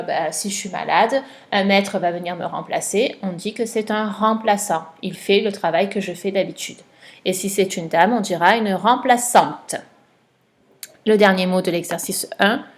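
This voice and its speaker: Patient woman teacher, drawn-out words. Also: medium pitch. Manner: slow, patient, stretches out words for dictation. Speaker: primary school teacher. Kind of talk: recorded spelling lesson for a child at home.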